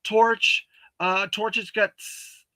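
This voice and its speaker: Bright, high-voiced male toy show host. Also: little pitch movement, no echo. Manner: halting, lots of uh and um fillers; friendly and earnest, thanks viewers often. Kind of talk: casual livestream chat reading viewer comments.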